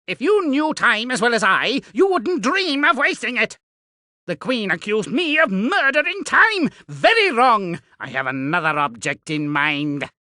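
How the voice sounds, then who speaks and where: An actor playing a mad, sinister tea-party host in a video game, mock-polite, taunting and theatrical. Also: male voice, very high voice, big pitch swings, a little slow, no room sound, studio quality, heavily acted. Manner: theatrical, mocking, sharp. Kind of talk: video game character acting.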